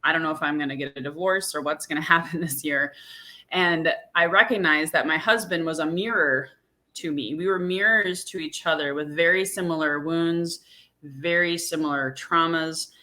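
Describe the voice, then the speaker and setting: A woman's voice: sits low, normal speed, pushed and bright. A woman hosting a podcast, telling her story in an earnest, reflective way. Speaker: podcast host. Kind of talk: casual conversation.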